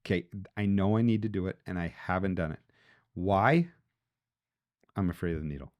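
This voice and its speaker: Very low-voiced woman host. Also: normal speed. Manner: calm, asks interviewer questions. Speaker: podcast host and dentist. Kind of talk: casual podcast conversation.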